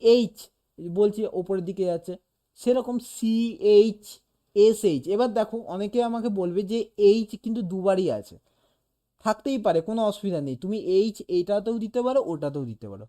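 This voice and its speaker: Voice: mid-range voice, lively intonation, a little fast, mellow. A teacher giving a casual one-on-one lesson, explaining patiently, saying sounds aloud to demonstrate and often checking in with "okay?". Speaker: animation teacher.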